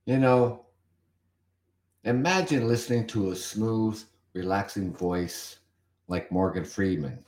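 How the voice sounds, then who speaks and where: A Canadian man hosts a solo podcast, reading from an article in a chatty way, commenting on it and repeating himself here and there. His voice is lowish, slow and a little mellow, with a roomy sound.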